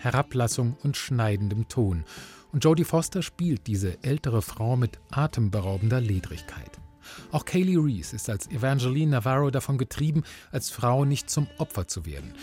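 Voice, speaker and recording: A man's voice: medium pitch, darkish tone. German radio critic, man, over faint music. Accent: standard German. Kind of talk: scripted radio review narration.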